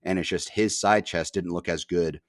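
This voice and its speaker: A man's voice: low-pitched, fairly even intonation, moderate pace, dry recording, studio quality. A young man hosting a podcast, telling a rambling story in casual chat, full of fillers and casual swearing. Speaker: podcast host.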